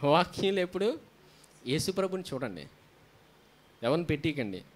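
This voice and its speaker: A man's voice: fairly high pitch, sing-song, moderate pace, a little hiss or hum. A man preaching a sermon as a pastor, often asking the congregation questions and answering them himself, with frequent hallelujahs. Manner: frequent hallelujahs between points.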